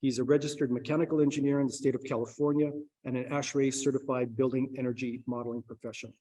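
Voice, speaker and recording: A man's voice: mid-range voice, little pitch movement, quick pace, warm tone, rough recording. A man moderating a conference session and introducing the speaker, hesitant at first with many fillers, then reading steadily. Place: conference room.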